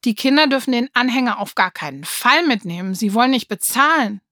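A woman's voice: a little high, lively intonation, brisk, bright, forceful tone, no room sound, studio quality. A woman doing a grumbling shopkeeper man. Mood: flustered. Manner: scolding, flustered. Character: gruff hardware store man, grumbling.

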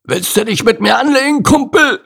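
A man's voice: extremely high pitch, lively intonation, moderate pace, gravelly, fairly bright tone, breathy edge, voice pushed up, heavily acted. A man voicing a grumpy, short-sighted male rhino in a children's audiobook, growling and grouchy.

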